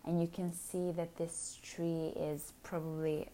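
A woman guiding a hypnosis session, speaking softly and soothingly, often slipping into a whisper. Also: fairly low pitch, level tone, slight background noise, low-quality recording. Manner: slow, soothing, drifting into soft whispers.

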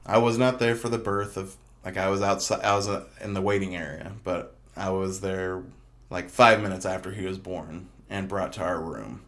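A man's voice: low voice, fairly even intonation, moderate pace, fairly bright tone. A young man hosting his own podcast, talking casually in a rambling, chatty way full of fillers and restarts. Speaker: podcast host. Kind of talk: casual solo podcast monologue.

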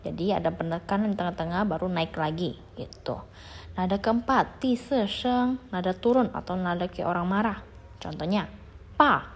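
A woman's voice: medium pitch, darkish tone, breathy edge. A young adult woman teaching a patient beginner language lesson, leading listeners through repetition drills. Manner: patient, repeats drills, asks listeners to follow along.

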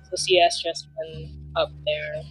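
A tabletop game player speaks slowly over a headset mic on an online call. The delivery is unhurried and halting, with repeated words as they describe their character's actions. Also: medium pitch, flat delivery, fairly bright tone, soft background music, poor audio. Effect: talking through a headset mic on an online call.

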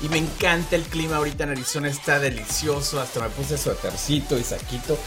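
A man's voice: on the high side, fast talker, music in the background. A man from Mexico City with a Mexican accent, hosting a radio show in an upbeat, chatty way. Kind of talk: casual chat.

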